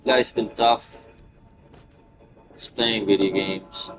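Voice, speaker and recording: A young man in his twenties with a lowish voice, musing aloud in a loose, unscripted monologue. He rambles and stops to restart his thoughts, padding them with plenty of fillers. Music plays clearly behind him. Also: steady tone, takes it slowly, a bit bright, poor audio. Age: 20s. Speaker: gaming video creator. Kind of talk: casual reflective monologue.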